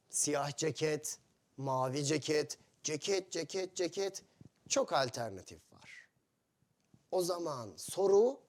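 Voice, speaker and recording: A man teaching a lesson for foreign learners, speaking in short, simple phrases and repeating each example. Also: on the high side. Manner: slow, simple phrasing with many repetitions and questions to learners. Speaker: Turkish teacher.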